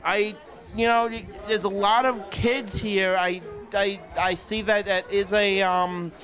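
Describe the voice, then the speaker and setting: Young male host, slightly high voice, rambling, casual recap chat. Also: little pitch movement, unhurried, a bit bright, soft background music. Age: young adult. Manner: rambling, with fillers and restarts.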